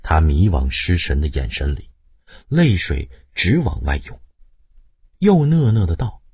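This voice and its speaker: A middle-aged man narrates a historical novel in a very low, breathy-husky voice. He tells it slowly and dramatically, his pitch sweeping widely. The recording is close and dry. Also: no room sound. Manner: expressive storytelling with sweeping pitch. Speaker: audiobook narrator.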